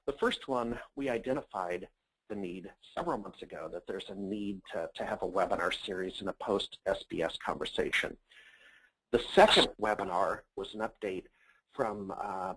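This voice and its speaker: A man hosting a webinar, talking informally through slides in a halting, rambling way. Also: low-pitched, slightly rough, low-quality recording. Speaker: webinar host.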